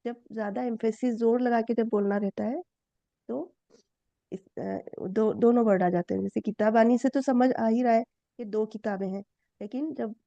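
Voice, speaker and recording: A woman's voice: steady tone, normal speed, gravelly, warm tone, no room sound. A woman teaching grammar in an online class, explaining step by step and quizzing her students. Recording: dull low-fi dry sound.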